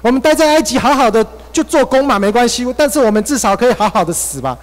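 A man's voice: extremely high pitch, animated, quick pace, voice pushed up. A man doing a panicked, complaining crowd of refugees. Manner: frantic complaining. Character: panicked crowd of fleeing Israelites, frightened and complaining. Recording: long church hall reverb.

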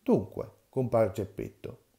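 A man reading the part of a quarrelsome old carpenter, gruff and stubborn, in a storybook reading. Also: on the low side, animated, a little slow, warm tone. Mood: plain.

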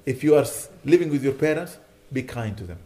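Earnest sheikh preaching. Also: male voice, mid-range voice, lively intonation, a little fast, warm tone. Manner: earnest, urges with repeated rhetorical questions. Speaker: sheikh giving a lecture. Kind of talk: sermon. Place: lecture hall.

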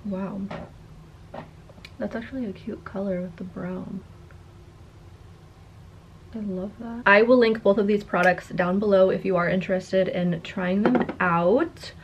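A woman's voice: mid-range voice, fairly even intonation, measured pace, long pauses, dull audio, slight background noise. Young woman with a slushy, lisping s. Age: 20s. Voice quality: slight lisp with slushy s sounds. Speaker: content creator. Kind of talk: casual chat to camera. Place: carpeted attic-style room indoors.

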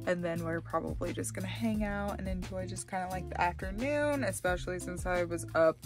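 A woman's voice: lowish voice, brisk, over music. A young woman in her twenties chatting casually to the camera from inside her RV, rambling with lots of fillers. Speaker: vlogger. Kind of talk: casual vlog chat.

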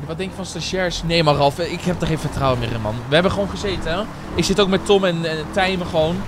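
A man's voice: on the high side, fast talker, crowd noise. A man, chatting casually with viewers and calling them guys and bro while playing a game. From Netherlands. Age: 20s. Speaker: streamer and server owner. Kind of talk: casual live-stream chat while playing.

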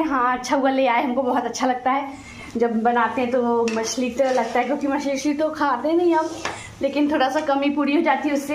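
A woman in her thirties chatting away in a rambling, motherly way while cooking, filmed on a phone at arm's length in a small home kitchen. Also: sits high. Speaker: vlogger. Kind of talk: casual cooking vlog chat. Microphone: phone camera at arm's length. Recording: echoey kitchen, faint frying noise.

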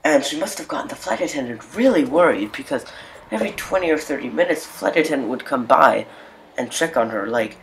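A man's voice: on the high side, lively intonation, a little fast, gravelly, a little hiss or hum. A young man recounting a story in a loose, irritated vlog manner. He swears constantly and leans heavily on "like" and "you know" as fillers, keeping everything casual and unscripted. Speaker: vlogger.

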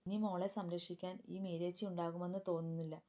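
Woman doing a grieving big sister, soft and tender, lowish warm voice, audio story. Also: level tone, a little fast, close to an everyday voice. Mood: sorrowful. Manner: soft, affectionate, sorrowful.

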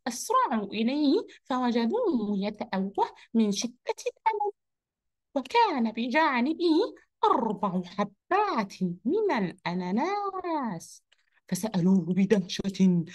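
Brief: woman playing a chirpy boy rabbit, high, sing-song lilt, a children's lesson. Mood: storytelling. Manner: lively, upbeat, speaks to children. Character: cheerful energetic male rabbit storyteller. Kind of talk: children's online lesson role-play.

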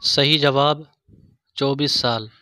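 A man reading religious quiz questions, pausing over each option before he gives the answer. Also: mid-range voice, steady tone, pushed and bright, soft background music. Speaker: quiz host. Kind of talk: scripted quiz narration.

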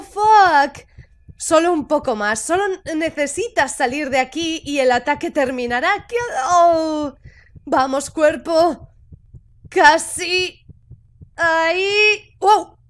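A woman hosting a gaming video, reading a visual novel aloud and reacting excitedly with laughs, curses and bursts of English. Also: sits high. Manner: excitable, laughs often, swears and switches into English. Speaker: gaming channel host. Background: faint game music.

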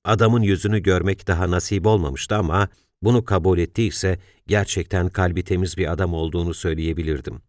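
A man reading an audiobook in a calm, measured storytelling voice. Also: low voice, no room sound, clean studio sound. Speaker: audiobook narrator. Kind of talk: scripted audiobook narration.

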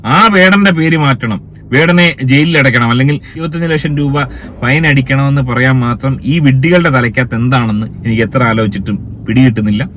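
A man's voice: medium pitch, fairly quick, a bit bright, a little hiss or hum. A man hosting a commentary video, scolding and indignant, firing rhetorical questions in a heated opinion rant. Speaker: commentary channel host.

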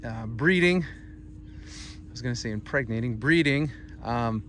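A man's voice: mid-range voice, expressive, unhurried, a bit bright, a little hiss or hum. A man telling a casual story on a walk-and-talk farm vlog, rambling with many fillers as he walks through a pasture. He is recorded on a handheld phone out in the open. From United States. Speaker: farmer and channel host. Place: outdoors in a farm pasture with cattle.

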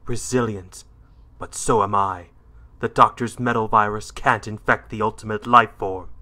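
Casting: male actor for edgy cartoon hedgehog antihero, forceful and fairly low, curt, proud, menacing. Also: steady tone. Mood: cold. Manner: curt, scornful, deliberate delivery. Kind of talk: fan character voice reel, dramatic cartoon acting.

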